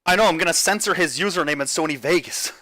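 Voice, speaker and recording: A man's voice: a little high, quick pace, pushed and bright, no room sound, clean studio sound. A young man in a casual voice chat who swears a lot, laughs often and rants. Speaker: video recorder and editor.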